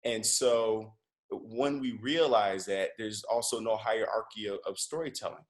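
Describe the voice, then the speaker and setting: A man who is a comedian and podcast host, telling stories as a guest in a conversational interview, animated, with lots of fillers and restarts. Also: fairly low pitch, measured pace.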